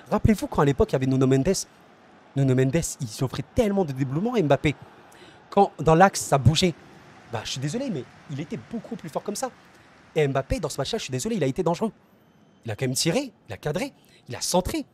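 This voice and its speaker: Male football channel host, passionate solo debrief, addresses viewers as friends, slightly high pitch. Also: a little mellow. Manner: repeats words and restarts phrases while thinking aloud.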